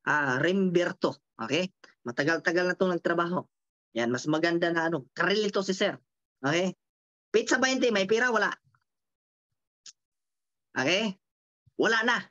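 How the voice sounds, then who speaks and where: A woman giving a lively motivational seminar talk, repeating phrases and checking in with her listeners through quick rhetorical questions. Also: lowish voice, no echo, dull audio. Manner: repeats and counts out phrases for emphasis. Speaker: motivational speaker.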